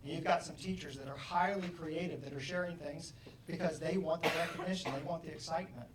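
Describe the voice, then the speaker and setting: A middle-aged man giving an animated motivational talk to an audience, acting out bits of dialogue with loud bursts. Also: a little high, quick pace, very noisy. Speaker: motivational speaker. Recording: roomy, distant hall mic, faint ambience.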